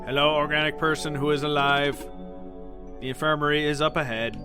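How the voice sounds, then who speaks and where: A man's voice: fairly high pitch, fairly even intonation, brisk, over music, lightly acted. A man voicing a polite, stilted male robot, reading game dialogue in a formal, stiff robot-like way.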